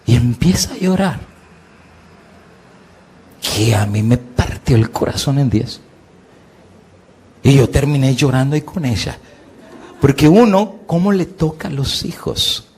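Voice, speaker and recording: A middle-aged male pastor with a husky voice, preaching a sermon with big swings in pitch and volume, asking his listeners questions and answering them himself. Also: animated, measured pace, pauses often, darkish tone, a little hiss or hum. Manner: preaching with sweeping rises and drops in pitch and volume.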